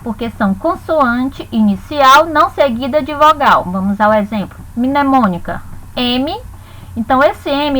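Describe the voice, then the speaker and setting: Bright high-voiced teacher. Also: female voice, rough recording. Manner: slow, spelled-out dictation of syllables. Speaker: Portuguese teacher. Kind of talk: recorded grammar lesson.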